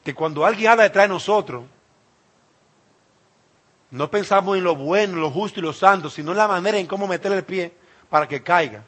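A man preaching a sermon, emphatic, swinging between loud cries and hushed asides. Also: sits high, fairly quick, pauses often.

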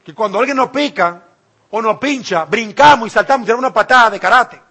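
A man preaching a sermon, emphatic, swinging between loud cries and hushed asides. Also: extremely high pitch, quick pace, husky.

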